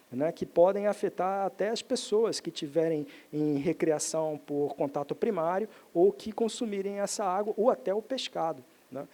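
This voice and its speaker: A man's voice: fairly high pitch, warm tone. A man, a professor explaining water science at a seminar panel, often tagging sentences with "né?". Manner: explanatory, frequent "né?" tag questions, some restarts. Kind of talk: technical talk on lake pollution. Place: seminar auditorium.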